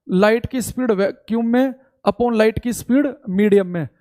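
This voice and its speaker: High-voiced male teacher dictating notes. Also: dark tone. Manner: addresses students as bhai, repeats key points slowly for dictation; scolding and exasperated about audio complaints. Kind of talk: live online class lesson.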